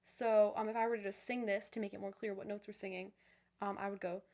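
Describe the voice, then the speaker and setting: A young woman who leads viewers through vocal warm-ups, encouraging and upbeat, with many fillers and restarts. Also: mid-range voice, level tone, fast. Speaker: voice teacher. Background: piano.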